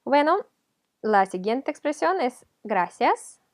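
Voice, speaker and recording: A woman's voice: sits high, sing-song, slow pace, a little mellow. A woman with a Ukrainian accent, a teacher explaining a video lesson patiently, step by step. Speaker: language teacher.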